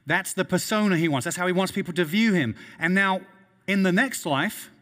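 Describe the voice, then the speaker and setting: A man's voice: high voice, moderate pace, fairly bright tone, long reverb tail. A man preaching a sermon as a pastor, earnest and emphatic, often repeating words as he builds each point.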